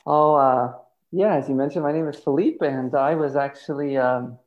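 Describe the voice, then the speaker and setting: A man in his thirties, a podcast guest, telling his life and faith story in a thoughtful, hesitant way with many pauses and fillers. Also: medium pitch, dull audio. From United States. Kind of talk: casual testimony interview.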